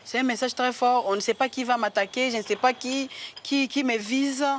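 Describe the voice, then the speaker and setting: A woman judge speaking in an interview, halting and repeating words as she explains. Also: a little high, fairly even intonation, slight background noise.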